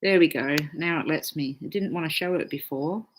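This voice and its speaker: A woman's voice: low voice, brisk, a little hiss or hum. A woman astrologer hosting a casual live stream, chatting freely, swearing often and reading out viewer comments.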